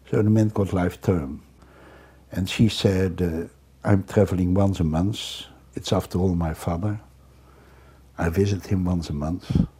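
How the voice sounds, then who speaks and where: Deep dark-voiced older man recounting stories. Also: slightly rough. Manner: reflective, halting with restarts. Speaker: storyteller.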